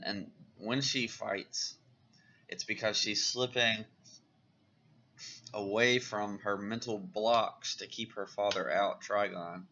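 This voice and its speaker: A man's voice: lowish voice, pushed and bright, slight background noise. A man casually reviewing comic books on a vlog, who talks in an enthusiastic, rambling way with many fillers, on a dull lo-fi recording.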